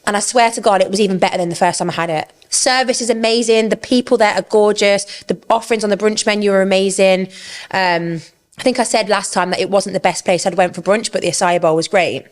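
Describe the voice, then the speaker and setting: A woman's voice: mid-range voice, fairly even intonation, fast talker. A young woman, co-hosting a casual podcast, chatty and swearing freely while eating. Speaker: podcast co-host. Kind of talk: casual chat.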